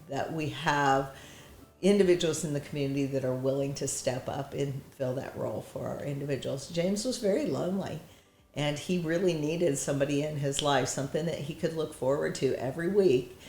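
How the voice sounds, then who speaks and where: A woman's voice: low-pitched, normal speed, darkish tone, a little hiss or hum. A woman on a mental health program's staff speaking earnestly and measuredly in an interview. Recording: echoey room.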